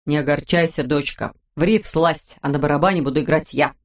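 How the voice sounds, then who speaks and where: A big, jolly sea captain speaks in a lowered, slow, drawn-out voice, as a woman reader puts him on. He sounds booming and fatherly. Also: lightly acted. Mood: tender.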